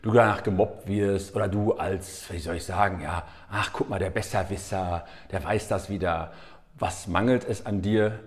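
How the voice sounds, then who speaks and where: A middle-aged man hosting a casual podcast as a speaking coach, talking chattily and animatedly straight to the listener. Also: on the low side.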